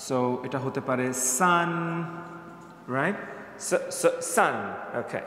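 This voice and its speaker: A man's voice: mid-range voice, extremely slow, sharp tone. A male teacher giving a classroom lesson on English pronunciation, playful and jokey, quizzing his students by name. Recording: echoey room with long reverb, faint background noise.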